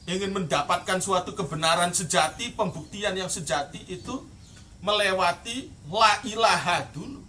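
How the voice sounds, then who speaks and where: A man with a Javanese accent teaches from a classical Islamic text in the traditional pesantren way, reading the Arabic and then glossing it word by word before explaining. His voice sits a little high and comes across bright and ringing. He sounds set back from the microphone, with birds faintly audible in the background. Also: far from the mic, slight background noise.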